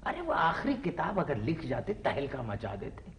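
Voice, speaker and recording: A man's voice: a little high, huge pitch swings, normal speed, vocal fry, full character voice. An actor playing a pompous middle-aged father and writer who talks in a flowery, theatrical way full of exclamations. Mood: boastful. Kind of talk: TV drama acting.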